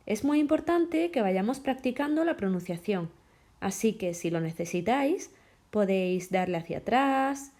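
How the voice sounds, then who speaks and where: A woman teaches a French lesson, moving between French and as she explains. Her voice sits a little high and swings lively up and down. She speaks slowly and deliberately so learners can repeat after her. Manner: switches between French and Spanish, models pronunciation slowly. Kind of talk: slow, clear classroom lesson.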